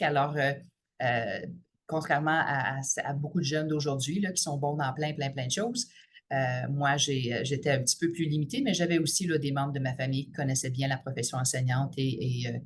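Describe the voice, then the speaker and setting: In a podcast interview, a teachers' union president in her fifties from the Ottawa area of Ontario speaks with a Franco-Ontarian French accent. Her voice sits low, and her measured delivery is sprinkled with frequent "euh" and "là" fillers.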